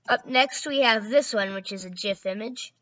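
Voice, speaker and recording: A woman's voice: fairly high pitch, normal speed, muffled recording. A woman hosting a gaming video, narrating casually and often correcting herself mid-sentence.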